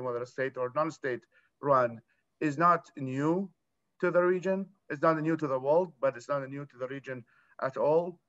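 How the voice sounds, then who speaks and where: Man, 30s, from iraq, earnest panelist, halting restarts, lo-fi video call audio. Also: medium pitch, fairly bright tone. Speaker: panelist, nonprofit founder. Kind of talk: conference panel talk. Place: room at home. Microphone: laptop webcam on video call.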